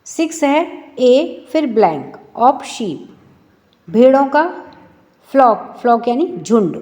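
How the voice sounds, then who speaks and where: A woman teacher explains an English lesson for schoolchildren at a very slow, careful pace, repeatedly asking questions and answering them herself. Her voice sits a little high with a dark tone, and her words ring out with a long reverb tail.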